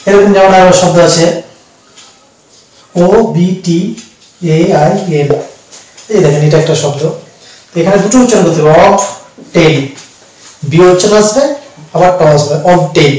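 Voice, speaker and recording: A man's voice: sits high, a little mellow, recorded from a distance. Bengali-accented man teaching, echoey room. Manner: slow, with frequent hesitations and spelled-out letters. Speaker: English teacher. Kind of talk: explanatory lesson. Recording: echoey room, voice a bit off mic.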